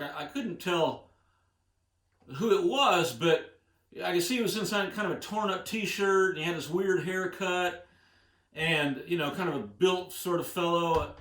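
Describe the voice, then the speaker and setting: A man's voice: fairly high pitch, a bit bright. Older storytelling man, echoey room. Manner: chatty, frequent laughs and restarts, "you know". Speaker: musician host. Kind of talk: casual storytelling. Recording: roomy echo.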